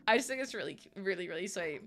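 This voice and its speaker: On a live stream, a young Northern Irish woman chats with her live chat, giggly and full of local slang, with faint music behind her. Her voice is medium in pitch, animated and fairly bright, and she talks fast.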